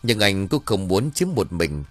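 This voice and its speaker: A man with a fairly low voice narrates a dramatic audiobook story, his pitch rising and falling widely. Faint music plays under him. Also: sing-song, unhurried, no room sound.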